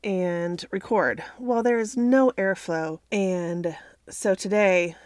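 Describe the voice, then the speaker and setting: A woman's voice: medium pitch, slow pace, a little mellow, dry recording, studio quality. A woman hosting a faith podcast, talking in an earnest, chatty way while recording inside a home clothes closet on a computer microphone. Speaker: podcast host. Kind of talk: casual faith podcast talk.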